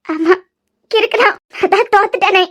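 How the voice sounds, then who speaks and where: Cartoon lead: woman doing an obsessive, vengeful young woman, Kanyakumari Tamil accent, tearful, pleading, very high and thin. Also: normal speed, a bit bright. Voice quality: very high-pitched. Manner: pleading, self-pitying. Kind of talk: cartoon serial voice acting.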